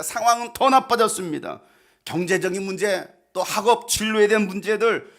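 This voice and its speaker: A male pastor preaching a sermon in an emphatic style, swinging between loud outbursts and soft, hushed asides. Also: high voice, gravelly.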